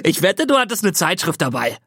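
A man voicing a brash, teasing teenage boy who talks loud and cocky, with his voice pushed well above his own. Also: high voice, sing-song, brisk, creaky, no echo, studio quality, voice pushed up, exaggerated voice.

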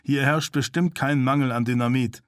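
A man's voice: mid-range voice, fairly even intonation, normal speed, no room sound, studio quality, natural voice. A man voicing a stern, commanding male officer who speaks curtly and with authority. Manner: curt, authoritative.

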